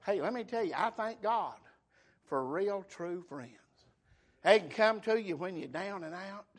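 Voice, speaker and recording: Retelling a scripture story in plain, everyday language, a preacher with a high-pitched, somewhat bright voice delivers his sermon. He slips into dialect grammar, gives the scripture characters their own voices, and keeps calling for amen.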